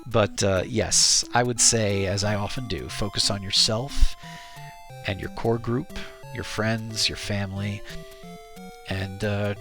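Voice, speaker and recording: A man's voice: fairly low pitch, fairly even intonation, unhurried, over music. An American man streaming and chatting casually, his voice nasal from a cold, rambling with fillers and restarts. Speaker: streamer and game developer. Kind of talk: casual live-stream chat.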